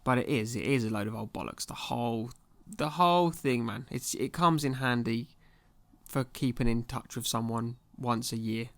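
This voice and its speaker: A man's voice: mid-range voice, normal speed. A young man ranting casually and sarcastically as a podcast host, full of slang and exasperation. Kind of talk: casual comedic rant.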